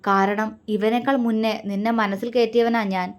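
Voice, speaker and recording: A woman's voice: on the high side, level tone, moderate pace, clean tone, lightly acted. A woman voicing a sneering, scheming young man. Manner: sneering and taunting.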